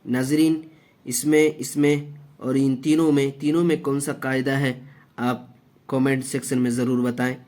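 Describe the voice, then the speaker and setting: A man teaching Quran reading, spelling out syllables slowly and deliberately, with short asides to viewers. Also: mid-range voice. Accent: Indian Urdu-Hindi. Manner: slow, deliberate syllable-by-syllable drilling, even tone. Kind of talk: spelling-out Quran recitation lesson.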